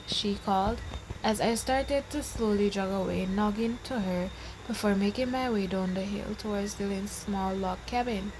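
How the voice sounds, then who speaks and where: A woman's voice: mid-range voice, noisy background. A woman reading a novel aloud chapter by chapter, correcting her own slips as she goes. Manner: reads with slips and self-corrections. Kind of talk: storybook reading.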